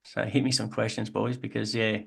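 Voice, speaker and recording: A man's voice: fairly low pitch, little pitch movement, brisk, gravelly, a bit bright, slightly rough. An Australian man, podcast co-host, telling his own story in an earnest, reflective way. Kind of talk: casual chat.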